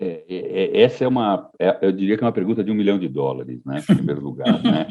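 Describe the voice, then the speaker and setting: A man talking on a podcast in a low, husky voice that swings widely in pitch. He thinks aloud, hesitating and restarting his sentences. The recording sounds dull and lo-fi. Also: sing-song, fast talker. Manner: reflective, hesitant with repeated restarts. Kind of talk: casual podcast conversation.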